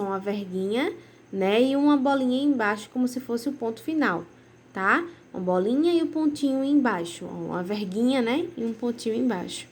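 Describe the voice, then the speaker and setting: Affectionate Brazilian teacher, higher voice. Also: female voice. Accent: Brazilian Portuguese. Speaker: primary school teacher. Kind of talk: recorded remote grammar lesson for children.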